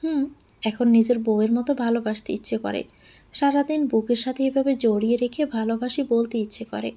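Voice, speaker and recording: A possessive, hot-tempered young lover, read out by a woman storyteller in an audio love story. He scolds through gritted teeth or coaxes softly in a mellow, fairly high voice. The reading stays close to her everyday tone. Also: fairly even intonation, brisk. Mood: tender, coaxing. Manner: clenched angry scolding, later coaxing and tender.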